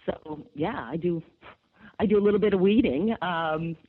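Gravelly lady gardener on a tinny phone line, chatty, lots of ums. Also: on the low side, moderate pace. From upstate New York. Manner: chatty, enthusiastic, many fillers. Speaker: garden expert guest. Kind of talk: casual radio interview.

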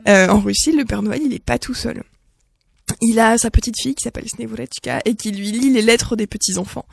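A woman chatting casually in a group talk, lively and exclamatory, with many fillers. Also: fairly high pitch, a little fast, gravelly, slightly rough.

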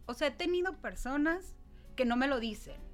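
A woman, a therapist guest, calmly explaining and reassuring in casual talk. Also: high-pitched, moderate pace. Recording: light music in background.

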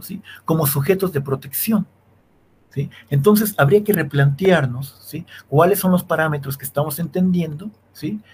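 Man explaining in halting lecture style. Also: on the high side, a little mellow, a little hiss or hum. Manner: keeps checking in with a questioning "sí", many restarts and fillers. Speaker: law lecturer, interview guest. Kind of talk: academic explanation in an interview.

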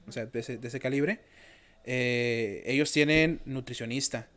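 A man's voice: medium pitch, unhurried, a bit bright. A young man hosting a casual interview, a chess teacher who talks at length and explains with examples and many fillers. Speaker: podcast host and chess teacher.

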